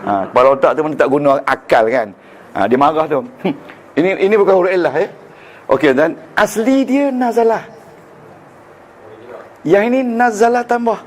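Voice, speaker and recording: A man's voice: high voice, expressive, moderate pace, long pauses. A man with a Malaysian Malay accent teaching Arabic grammar to a class, joking and quizzing the students as he goes. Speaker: religious teacher. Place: lecture room with students.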